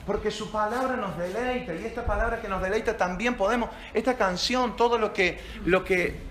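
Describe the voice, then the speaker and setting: High-voiced pastor preaching with slow emphasis. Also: male voice, a bit bright, a little hiss or hum. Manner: slow, emphatic stresses on key phrases. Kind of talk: sermon.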